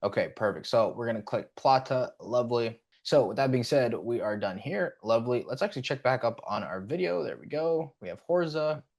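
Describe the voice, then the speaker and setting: A man hosting a casual software tutorial. He talks in a relaxed way and uses plenty of "um"s. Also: medium pitch, fairly quick, few pauses. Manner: relaxed, with frequent fillers. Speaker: tutorial host. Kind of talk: casual screen-recording tutorial.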